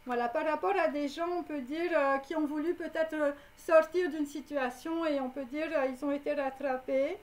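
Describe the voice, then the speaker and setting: A woman's voice: high-pitched, steady tone, normal speed, hardly any pauses. A woman giving a psychic reading to her viewers, rambling with many fillers and tags. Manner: speaks directly to viewers. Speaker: psychic reader. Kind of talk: live clairvoyant prediction.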